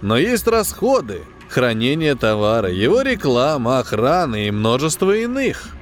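A man reading an audiobook, voicing a plump, smug male space-station quartermaster who talks in a condescending, falsely sympathetic, drawn-out way. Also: mid-range voice, big pitch swings, a little hiss or hum, lightly acted. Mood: condescending, lecturing. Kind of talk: audiobook character voice.

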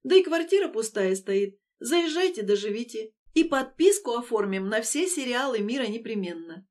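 A woman's voice: fairly high pitch, lively intonation, normal speed, a little mellow, natural voice. A woman voicing a kind, welcoming young woman in an audiobook.

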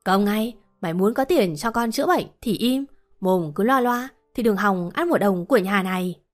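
A woman's voice: medium pitch, lively intonation, normal speed, faint music behind, close to an everyday voice. A woman reading as a harsh domineering mother-in-law. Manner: harsh, commanding.

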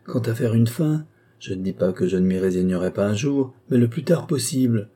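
A man reading aloud, voicing a boisterous older country gentleman who talks loudly and exclaims often. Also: medium pitch, animated, brisk, breathy edge. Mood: defiant, insolent. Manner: loud, blustering, exclamatory.

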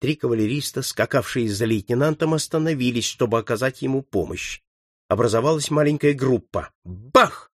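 A man reads an adventure story aloud in a steady, measured manner. His voice sits at an ordinary mid pitch. The recording is dry and close, with no room echo. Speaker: narrator. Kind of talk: scripted audiobook narration.

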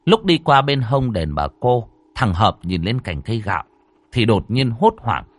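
Lively male ghost-story narrator. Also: medium pitch, moderate pace, no room sound. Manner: dramatic, acting out every character.

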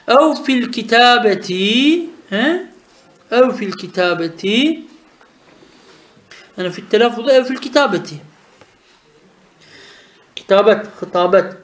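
A man's voice: sits high, fairly bright tone, echoey room. A man teaching Arabic grammar in a traditional lesson, asking questions and answering them himself. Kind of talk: traditional madrasa-style lesson.

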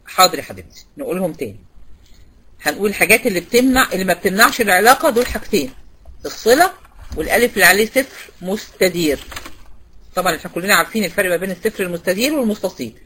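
A woman's voice: medium pitch, animated, rapid-fire, sharp tone, slight background noise. A woman with an Egyptian Arabic accent teaching a recitation class, quizzing students by name and repeating key points. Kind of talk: online class lecture.

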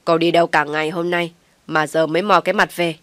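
A woman's voice: lowish voice, little pitch movement, fast, a bit bright, no room sound, lightly acted. A woman voicing an angry husband who scolds his wife, raising her voice. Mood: scolding. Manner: stern, scolding.

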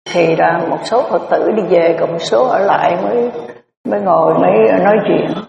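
A Buddhist nun, giving a storytelling dharma talk in a conversational, winding way with many filler words. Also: female voice, mid-range voice, creaky, a little mellow. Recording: echoey hall, distant mic, dull lo-fi sound.

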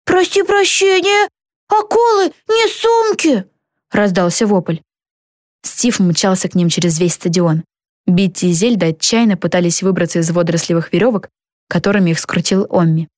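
A woman narrating a children's storybook in a lively, expressive way. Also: lowish voice, normal speed, no room sound, studio quality. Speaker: audiobook narrator.

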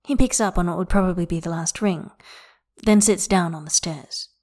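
A woman narrating a work of fiction aloud in a measured, even reading voice. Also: on the low side.

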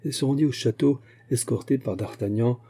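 A man narrating a classic novel aloud in a measured, steady storytelling voice. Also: medium pitch, breathy edge. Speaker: audiobook narrator. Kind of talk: audiobook narration.

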